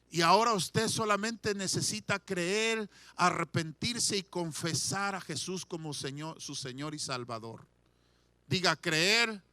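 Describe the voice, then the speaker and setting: A male pastor preaching a sermon, swinging from shouted declarations to hushed pleading and leading the congregation in call-and-response. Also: fairly high pitch, dry recording.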